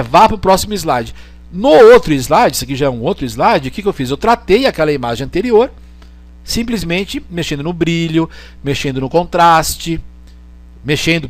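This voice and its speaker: A man from Brazil giving a casual online lecture with a screen demo, chatty and joking, often checking in with the listener. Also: fairly high pitch.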